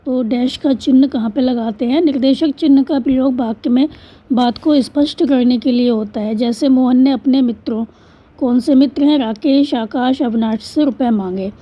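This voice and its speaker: A woman's voice: high-pitched, moderate pace. A woman teaching, patiently explaining a school textbook exercise step by step and answering her own questions. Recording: dull lo-fi recording.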